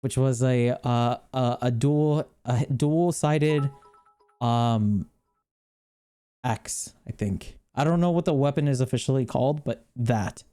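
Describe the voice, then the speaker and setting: With faint music behind him, a streamer speaks slowly in a clean, mellow, mid-range voice. His casual livestream chat rambles, full of laughter and free swearing, as he reacts on screen and talks to viewers.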